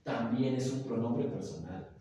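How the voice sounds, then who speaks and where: In an echoey classroom, heard from a distance with a little background noise, a man teaches grammar at a slightly slow pace. His mid-range voice is warm and patient, and he piles up examples while regularly making sure the class keeps up.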